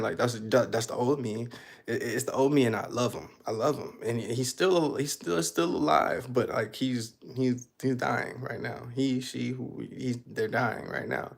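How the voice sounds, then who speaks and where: Gravelly and lowish, this young man's voice drifts through a casual monologue as he, an artist, reflects on his life. He's loose and laid-back, leaning on fillers such as "you know what I'm saying."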